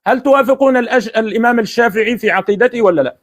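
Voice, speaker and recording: Brief: Egyptian-accented man, high voice, rapid-fire, badgering his opponent. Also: a bit bright. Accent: Egyptian Arabic. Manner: insistent, repeats his question, taunting. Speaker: debater. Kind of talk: heated religious debate.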